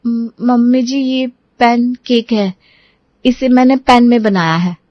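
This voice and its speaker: A woman's voice: on the high side, fairly even intonation, takes it slowly, no room sound, highs cut off. A woman voicing a simple, earnest young village bride in a cartoon, who halts and stumbles over English words. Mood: apologetic.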